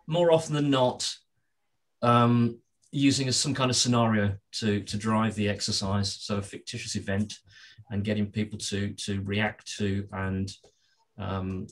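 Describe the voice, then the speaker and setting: This male guest is an author and business continuity expert answering interview questions in a measured, explanatory way. His husky voice sits on the low side, a bit hoarse, and he clears his throat often, restarting and repeating words frequently.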